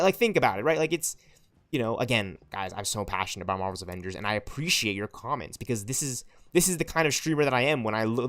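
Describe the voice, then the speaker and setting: A man in his twenties with a mid-range, fairly bright voice is streaming a game and rambling passionately to his chat. He tags his lines with "right?" and "you know what I'm saying?" as he talks with viewers.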